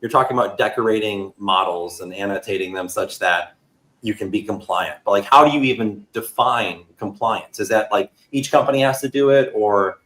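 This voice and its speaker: A man co-hosts a casual tech livestream, thinking out loud as he frames a question. His voice sits fairly low, and he peppers his speech with likes. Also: moderate pace, poor audio. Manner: musing, loose, many likes. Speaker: co-host.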